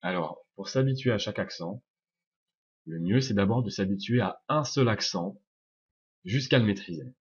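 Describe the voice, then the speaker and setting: A young man, a native French speaker, teaches English pronunciation in a video lesson, explaining step by step and repeating sounds slowly. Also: on the low side, husky. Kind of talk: video lesson answering viewer questions. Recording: dull lo-fi sound.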